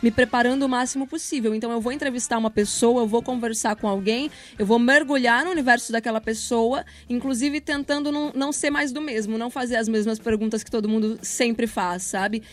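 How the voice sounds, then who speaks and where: A woman in her thirties with a Brazilian accent, a radio professional appearing as an interview guest, talks a little fast with hardly any pauses. Her voice is on the high side with fairly even intonation, and she explains things casually and chattily, using examples.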